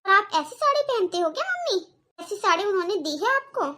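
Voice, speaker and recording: An outspoken young girl, voiced by a woman for a Hindi-language cartoon, talking in a very high, sharp voice. She pleads earnestly and stands up for her mother. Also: very animated, a little fast, exaggerated voice. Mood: indignant. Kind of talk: cartoon voice acting.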